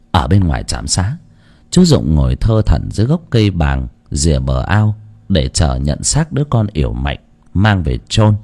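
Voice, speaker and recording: A man's voice: sits low, darkish tone. A man narrating a ghost story dramatically.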